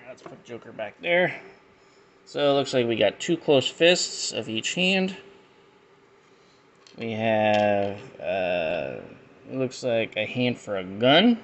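A man's voice: medium pitch, a little hiss or hum. A man giving rambling, jokey commentary as he unboxes and reviews action figures. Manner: rambling, jokey, with frequent fillers. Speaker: toy reviewer.

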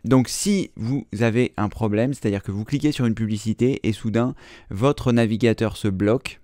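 A computer training host in his thirties leads a screen-recorded tutorial, explaining each step with patient fillers. His voice is on the low side and warm, at a moderate pace, with clean, echo-free studio quality.

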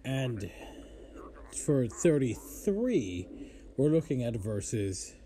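Slow, mellow man teaching scripture casually. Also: mid-range voice, big pitch swings, slight background noise. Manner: easily amused, apologetic, loose and informal. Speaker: host of a Bible teaching and gaming show.

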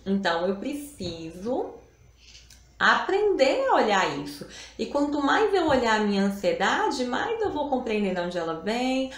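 A woman's voice: fairly high pitch, sing-song, measured pace. A woman, hosting a live stream and talking about emotions in a casual, reflective way, often adding little tag questions. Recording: roomy echo.

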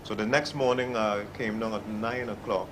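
A man's voice: on the low side, fairly even intonation, normal speed, noisy background. A middle-aged man, a bakery foreman telling a long story in an interview, with many "you know"s and "um"s. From West Indies. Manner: rambling, repeats "you know" and "um", acts out quoted voices.

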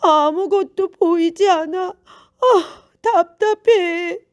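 A woman voicing a desperate blind beggar man who cries out and pleads loudly for help. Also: very high voice, drawn-out words, dry recording, clean studio sound, voice pushed up, heavily acted. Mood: pleading. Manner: crying out, pleading, wailing.

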